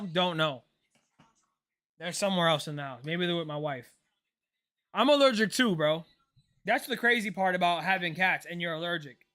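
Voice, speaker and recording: A man in his late twenties, hosting a casual live stream, chatting loosely and answering viewers while reacting to a ball game. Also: sits high. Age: 20s. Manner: relaxed, chatty, answers chat questions, says "bro". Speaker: livestream host.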